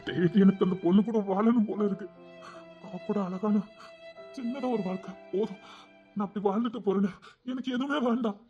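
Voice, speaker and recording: A man plays a gang king in an audio story, pleading softly with a high Tirunelveli Tamil voice. He longs for a quiet family life and speaks with tender feeling. The recording is dull and lo-fi. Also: brisk, long pauses, soft background music, close to an everyday voice. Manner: soft, pleading, heartfelt.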